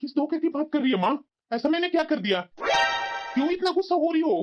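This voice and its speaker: An earnest young cartoon husband, as a woman acts him out, with a fairly high voice. He argues patiently, and the audio is dull and lo-fi. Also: lively intonation, brisk, over music. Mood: arguing. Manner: earnest, reasoning. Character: caring young husband and son.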